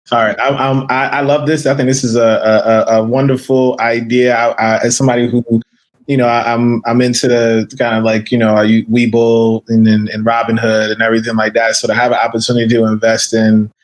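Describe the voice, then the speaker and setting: A man giving casual feedback as a judge, halting and repeating his words as he thinks aloud. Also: medium pitch, monotone.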